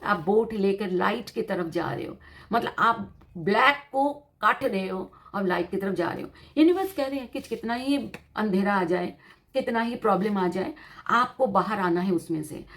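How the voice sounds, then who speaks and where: A woman's voice: mid-range voice, a bit bright. A woman giving a tarot reading to her viewers in a teacherly, explanatory way, repeating her points and mixing in English terms. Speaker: tarot reader.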